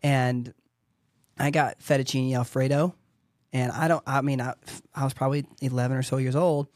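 A man co-hosts a casual podcast, animatedly telling family stories and laughing often. His mid-range voice moves at a moderate pace, and the sound is clean studio quality with no echo.

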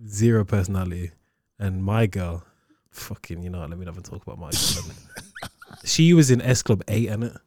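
A man's voice: deep voice, fast talker, mellow, no room sound, clean studio sound. A man in his twenties with a London roadman accent, bantering casually in heavy slang. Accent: London roadman, Multicultural London English. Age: 20s. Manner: slang-heavy, punctuating with "bro" and "innit".

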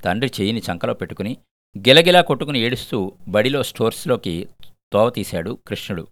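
An older retired man from Andhra Pradesh reading a short story aloud in a measured, expressive way. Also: on the low side, no echo. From Andhra Pradesh, India. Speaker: story reader. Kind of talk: storytelling narration.

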